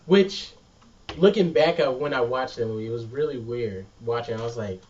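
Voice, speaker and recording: A man co-hosting a casual podcast chat, animated and laughing often, swearing freely. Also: mid-range voice, moderate pace. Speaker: podcast co-host. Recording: distant lo-fi mic.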